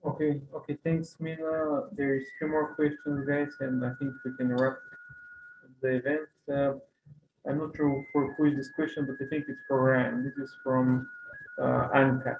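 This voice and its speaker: A man's voice: medium pitch, level tone, normal speed. A man hosting an online webinar in a casual way, reading out questions from the audience. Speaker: webinar host. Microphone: makeshift setup on online call. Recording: hissy, echoey, phone-like call audio.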